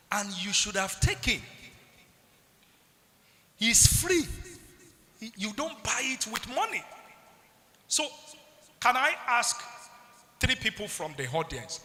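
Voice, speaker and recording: A man's voice: sits high, bright, forceful tone. A Nigerian man speaking at a conference, asking the audience rhetorical questions and waiting for them to call back the answer. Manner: rhetorical, keeps asking "what?" for the crowd to answer. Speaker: public health speaker at a youth conference. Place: large conference hall. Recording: hall reverb.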